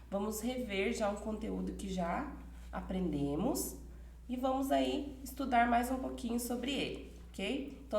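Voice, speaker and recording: A woman teacher from Brazil opens a recorded lesson for children, friendly and reassuring as she speaks to them directly. Her mid-pitched voice has a gravelly edge. The room is echoey, with faint hiss behind her. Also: a little mellow. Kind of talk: recorded remote class introduction.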